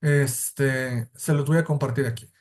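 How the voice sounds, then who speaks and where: A man's voice: mid-range voice, fairly even intonation, measured pace, a little mellow. A man with a Mexican Spanish accent teaching a church Bible study class, explaining step by step and correcting himself as he goes. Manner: explanatory, methodical, self-correcting.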